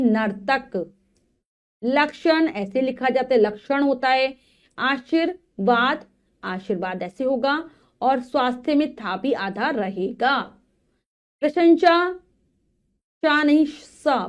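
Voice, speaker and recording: A woman's voice: a little high, a little mellow, lo-fi sound. A woman teacher giving a Hindi grammar lesson to children, patiently correcting words one by one in a Hindi accent. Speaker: school teacher.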